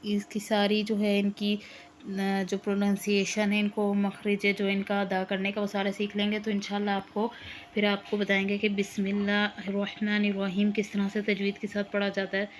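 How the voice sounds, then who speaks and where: A woman's voice: medium pitch, completely flat delivery, a little hiss or hum. Patient woman teaching Arabic letters. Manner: patient, repeats letters slowly. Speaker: Quran teacher. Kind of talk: online lesson.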